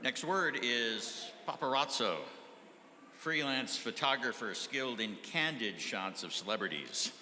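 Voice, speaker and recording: Bright-voiced man spelling out words, echoey hall. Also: on the low side. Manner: slow, deliberate letter-by-letter spelling, dry jokes. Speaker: word pronouncer at a spelling bee. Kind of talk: reading words and definitions aloud. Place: large event hall with an audience. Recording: echoey hall, faint noise.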